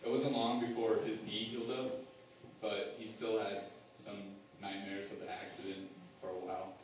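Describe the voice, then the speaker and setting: Young guy telling his testimony, low flat voice, lots of ums and restarts, far off mic in a super echoey hall. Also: a little hiss or hum. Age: young adult. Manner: halting, many fillers and restarts. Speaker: student giving a testimony. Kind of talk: personal testimony.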